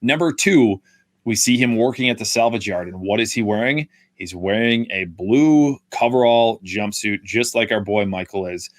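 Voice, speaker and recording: A man's voice: lowish voice, normal speed, dry recording. A young man co-hosting a casual film review podcast, rambling with many fillers and restarts. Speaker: podcast co-host.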